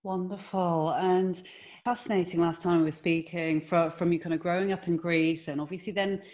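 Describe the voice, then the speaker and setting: A woman's voice: fairly low pitch, steady tone, moderate pace, a little mellow. A woman hosting an interview podcast, opening with a scripted welcome and asking long, rambling questions full of "you know" and restarts. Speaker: podcast host.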